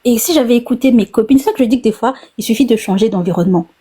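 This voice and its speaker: A woman in her forties speaks with a mellow, rounded tone. She tells a long personal story in a casual way, often stumbling and repeating words before she goes on. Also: a little high, racing, breathy edge. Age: 40s. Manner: hesitant, repeats words, then tells at length. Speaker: caller on a live talk.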